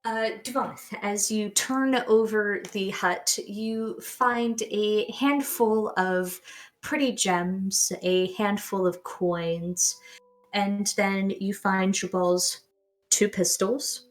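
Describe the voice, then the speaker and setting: A young adult woman narrating a tabletop game as game master, with descriptive, unhurried narration. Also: medium pitch, fairly even intonation, low-quality recording.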